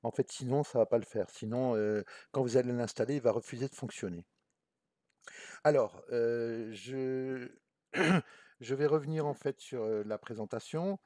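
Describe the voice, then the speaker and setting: Guy doing a coding tutorial, lots of umms, chill, mellow voice, dry close mic. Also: mid-range voice, unhurried, no echo. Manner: casual, many fillers and restarts, explains step by step. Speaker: teacher. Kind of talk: screencast programming lesson.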